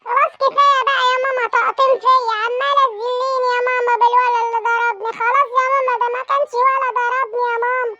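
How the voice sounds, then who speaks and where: A woman's voice: extremely high pitch, little pitch movement, racing, hardly any pauses, sharp tone, slight background noise, pitched above the performer's own voice. A woman voicing a timid, sulky young schoolboy who whines and pleads with his mother. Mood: whiny. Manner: whining, pleading. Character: whiny little schoolboy son, timid and sulky. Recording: lo-fi sound.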